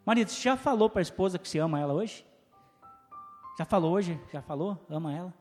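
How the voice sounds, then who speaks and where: Talking fast and animatedly in a high, slightly mellow voice, the Brazilian-accented pastor delivers a sermon packed with rhetorical questions and exchanges with his listeners. The church hall leaves a long reverb tail, and soft music plays underneath.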